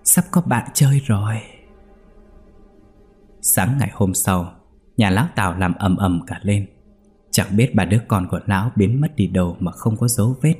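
Deep husky guy reading a ghost story slow and steady. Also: soft background music.

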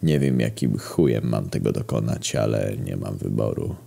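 A man voicing a weary old sculptor with a hoarse voice and slow mournful drawl. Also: extremely low pitch, warm tone, voice pushed down, exaggerated voice.

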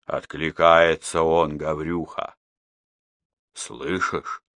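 A man reading the part of a hearty, proud old woodsman who hollers long drawn-out calls. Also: on the low side, a bit bright, clean tone. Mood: pleased, hushed.

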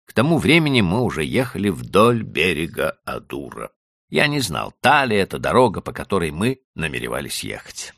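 Low-voiced man narrating dramatically. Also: vocal fry, fairly bright tone, no echo, clean studio sound. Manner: dramatic first-person storytelling. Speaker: audiobook narrator. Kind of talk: scripted narration.

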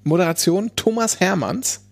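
A man's voice: sits high, normal speed, gravelly. A man chatting casually as a podcast host, hesitant and often restarting his phrases. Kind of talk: casual chat.

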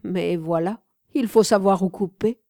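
A woman's voice: medium pitch, a little slow, warm tone, dry recording, studio quality, close to an everyday voice. A woman voicing an aging, celebrated male sculptor who muses aloud with rhetorical questions, in an audiobook reading. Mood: expansive.

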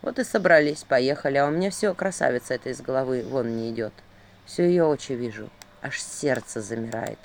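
A woman voicing a grieving, heavy-hearted male prince in a fairy-tale audiobook, speaking slowly and low. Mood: brooding. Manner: slow, low, heavy storytelling voice.

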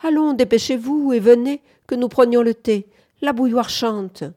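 A woman's voice: mid-range voice, normal speed, dark tone, pitched above the performer's own voice, lightly acted. A woman reading the part of a fretful young farm woman who scolds in a querulous, reproachful tone. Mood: anxious.

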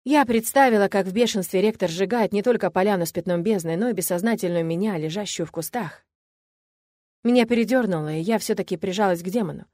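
A woman narrating a first-person fantasy audiobook in an even, measured reading on a close mic. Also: medium pitch, no echo.

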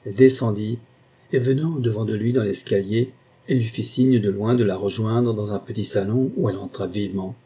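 A man narrating a classic novel as an audiobook, in a steady, even storytelling manner. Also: on the low side, fairly quick, slightly rough. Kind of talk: scripted narration.

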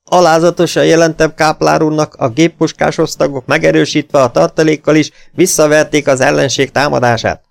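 A man's voice: fairly high pitch, fairly even intonation, vocal fry, dry recording, studio quality, voice pushed up. A man voicing a sweaty, eager male soldier who gives a formal report. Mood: dutiful.

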